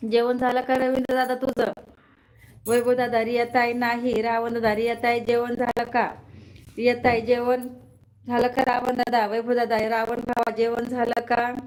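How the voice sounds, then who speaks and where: A woman's voice: on the high side, monotone, moderate pace, darkish tone, low-quality recording. A woman hosting a casual live stream from her phone, greeting viewers by name, reading their comments aloud and checking that her sound comes through.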